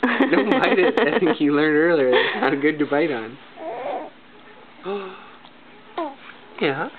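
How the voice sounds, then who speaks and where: A man's voice: fairly high pitch, slow pace, over a noisy crowd. A father coaxing his infant in gasping, sing-song baby talk, recorded on a home video. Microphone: recording phone held by the mother. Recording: tinny phone-like home video, loud noise.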